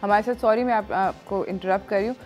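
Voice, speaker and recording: Pakistani-accented female host, brisk call-in manner, mid-pitched voice, faint music under. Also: steady tone, darkish tone. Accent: Pakistani Urdu. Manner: brisk, affirming interjections. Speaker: talk show host. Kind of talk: hosting a live call-in show.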